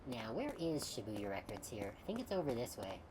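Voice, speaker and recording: A woman's voice: extremely low pitch, sing-song, a little fast, background noise. A woman streamer giving casual, wry commentary while playing a game, with game music behind her. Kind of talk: let's play commentary.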